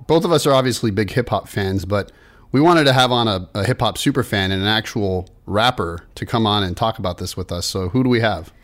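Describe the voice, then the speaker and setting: A friendly man hosting a podcast, his voice on the low side. He asks easy questions and laughs along, with faint music under him. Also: brisk, a bit bright. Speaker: podcast host. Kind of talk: casual podcast interview.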